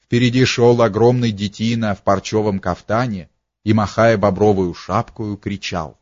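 A man reads a historical novel aloud in a steady, lightly dramatic way. His voice is low, and the recording sounds dull and dry with no room echo. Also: moderate pace. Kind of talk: audiobook narration.

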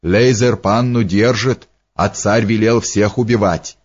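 A man voicing an excitable, fawning little man who speaks broken, exclaiming phrases. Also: on the low side, slightly rough. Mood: fretful. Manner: broken grammar, exclamations, drawn-out words. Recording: dull lo-fi recording.

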